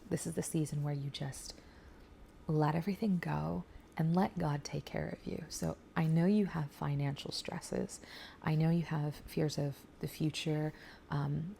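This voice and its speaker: A young woman talks to the camera in a low, gravelly voice. Her tone is mellow and unhurried as she chats earnestly with other new mothers. She slips now and then into soft, breathy asides, with a faint hiss of room noise behind her. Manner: chatty and earnest, many fillers, drops to soft breathy asides. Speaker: faith vlogger talking to new mothers. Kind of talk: casual heartfelt storytelling to camera.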